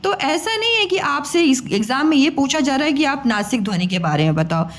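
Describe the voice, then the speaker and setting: A woman teacher giving a patient, coaxing lesson to children, sounding out letters slowly and repeating them. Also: high voice, expressive.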